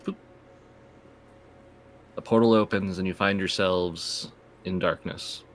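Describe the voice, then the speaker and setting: A man's voice: sits low, steady tone, slow pace. A man working as game master, improvising descriptive narration for a tabletop role-playing game.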